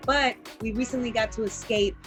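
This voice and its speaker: A woman's voice: a little high, steady tone, moderate pace. A woman co-host giving an upbeat, playful podcast intro. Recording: clear music underneath.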